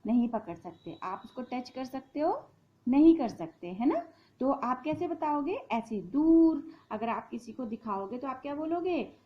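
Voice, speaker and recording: A woman's voice: a little high, highs cut off. A woman teacher giving a patient lesson to young children, spelling words out sound by sound.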